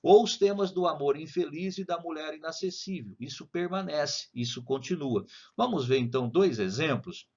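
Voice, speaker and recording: A man's voice: on the high side, animated, normal speed, darkish tone, husky, lo-fi sound. A man with a Brazilian accent teaching a casual video lesson on literature, explaining in a chatty way with frequent tag questions. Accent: Brazilian Portuguese.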